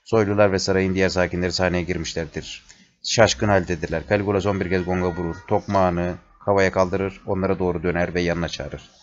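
A man slowly reading a play aloud, including the stage directions, in a measured way. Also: sits low, flat delivery. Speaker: reader. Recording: dull lo-fi recording.

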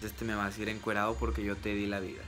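A man's voice: lowish voice, completely flat delivery, fast talker, a bit bright, soft background music, lightly acted. A man voicing a strict mother, giving her son blunt, stern orders.

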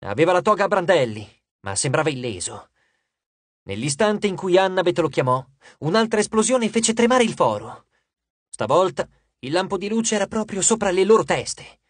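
A man narrating an audiobook in a steady, expressive storytelling manner on a close mic. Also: sits high, normal speed, dry recording.

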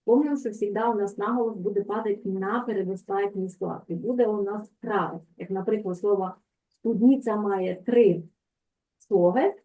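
A woman's voice: medium pitch, fairly even intonation, brisk, hardly any pauses, mellow. A woman teacher giving an online language lesson, explaining patiently and checking in often with her students. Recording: tinny phone-like call audio.

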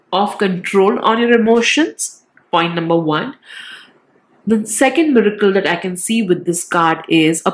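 Female tarot host, medium pitch, nasal and congested with a cold, casual reading style with frequent reassuring tags. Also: low-quality recording. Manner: reassuring check-in tags like "all right", "okay". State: has a cold. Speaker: tarot reader, channel host. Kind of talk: casual pick-a-card reading to viewers. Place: indoors, at a decorated tabletop.

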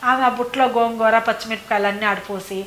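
Woman telling old stories, kinda rambling and repeating herself, slightly high voice, echoey room. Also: steady tone, fast talker, fairly bright tone, a little hiss or hum. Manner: rambling, repeats phrases, fills with "annamaata". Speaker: devotee recounting memories of a saint. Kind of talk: reminiscing oral storytelling.

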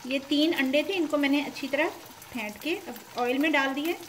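Over a loudly sizzling pan and the sound of stirring, a woman with a high-pitched voice gives step-by-step recipe instructions at normal speed as host of a home cooking show.

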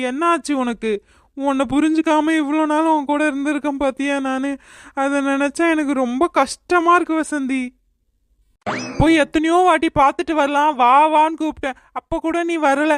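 A performer voicing a patient, soft-hearted village husband in a cartoon, with a Kanyakumari Tamil accent, speaking in a placating, gentle way. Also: sits high, steady tone, moderate pace, no room sound, clean studio sound, lightly acted.

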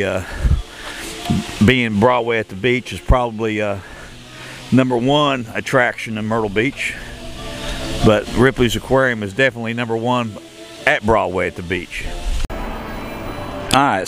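A man giving a casual walking-tour commentary outdoors, rambling with many fillers and restarts. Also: fairly low pitch. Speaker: travel vlogger. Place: outdoors at a shopping and entertainment complex.

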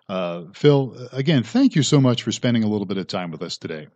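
A man's voice: lowish voice, lively intonation, fairly quick, darkish tone. An older man co-hosts a chatty podcast, his voice still carrying a radio announcer's habits. He trips over words and laughs at himself. The audio is dull and lo-fi. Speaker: podcast co-host. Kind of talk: casual chat.

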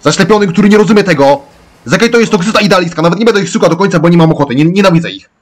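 A man doing let's-play gameplay commentary, ranting excitably and yelling at the characters. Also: sits high, racing.

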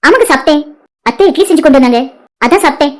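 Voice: high-pitched, lively intonation, racing. [name], a dubber putting on a meek young wife. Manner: soft, deferential short replies. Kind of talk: animated cartoon drama voicing.

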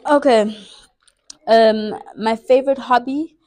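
A woman's voice: fairly high pitch, steady tone, slow, dark tone, no echo. Chatty South African woman in her twenties. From South Africa, Eastern Cape. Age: 20s. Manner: chatty, playful, self-mocking. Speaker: vlogger. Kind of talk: casual get-to-know-me vlog.

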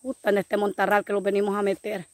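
A woman's voice: mid-range voice, completely flat delivery, fast talker, dry recording, studio quality. A woman joking outdoors in brush, playing a bossy, teasing commander in an improvised skit. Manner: bossy, teasing, tells jokes. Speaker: vlogger playing a jungle commander.

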